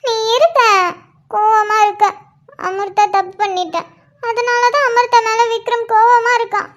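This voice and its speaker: Brief: a tipsy, clingy cartoon wife, very high squeaky voice, whiny and teasing. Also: normal speed, pushed and bright, lo-fi sound, exaggerated voice. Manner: pleading, childish, teasing.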